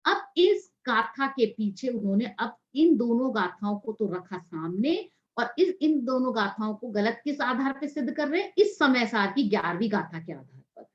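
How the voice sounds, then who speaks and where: A woman's voice: a little high, animated, normal speed, hardly any pauses. Female teacher, scripture class, explanatory and questioning, roomy lo-fi sound. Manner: explanatory, asks and answers her own questions.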